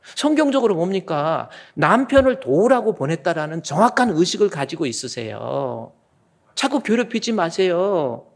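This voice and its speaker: A man in his fifties, a senior pastor, preaching a lively, folksy sermon and acting out quoted voices now and then. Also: high voice, moderate pace, gravelly.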